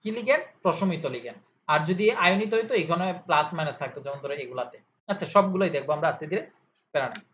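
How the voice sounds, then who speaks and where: The fairly high, fairly bright voice of a male chemistry tutor moves very fast and expressively. He runs an informal lesson, answering his own questions and drilling key terms over and over. There's a faint hiss, and the audio is slightly dull.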